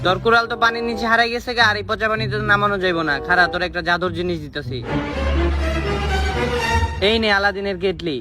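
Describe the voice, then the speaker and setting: Comic water spirit played by a man: high, fast talk, Bangladeshi accent, mock-solemn scolding with street slang, music under it. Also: steady tone, lightly acted. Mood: scornful. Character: scolding water spirit testing people's honesty. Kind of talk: comedy sketch acting.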